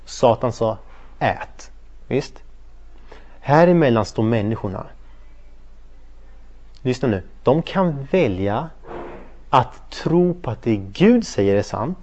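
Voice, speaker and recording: A man's voice: medium pitch, pauses often. A man teaching scripture to a small group in a conversational way. He slips into little acted voices for the people in his stories and keeps asking whether everyone is following. The recording sounds a little dull and lo-fi. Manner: animated storytelling, acts out quoted voices, checks in with listeners often. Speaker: Bible study teacher. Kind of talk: interactive Bible study lesson.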